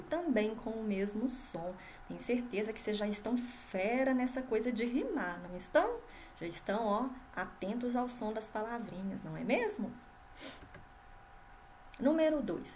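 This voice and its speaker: A Brazilian primary school teacher with a Brazilian Portuguese accent gives a video lesson to first graders, her voice on the high side and a little mellow. She speaks sing-song, drawing out syllables for the children and constantly asking the class checking questions. There is slight background noise.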